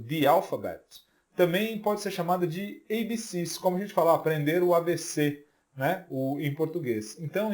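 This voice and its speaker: A man's voice: high voice, a little mellow. A Brazilian man teaching an English lesson, patiently drilling letters one at a time and checking in with the viewer often. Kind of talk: video lesson for beginners.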